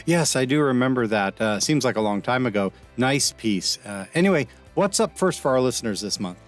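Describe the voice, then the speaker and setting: A man's voice: mid-range voice, animated, a little fast, soft background music. A man hosting a podcast in a casual, chatty style. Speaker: podcast host.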